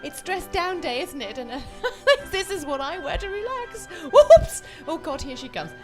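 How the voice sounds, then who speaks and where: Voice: very high-pitched, big pitch swings, moderate pace, faint music behind, voice pushed up. The show's host voicing a giddy woman in body armour who is climbing out of a window. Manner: squealing, giggly, breathless.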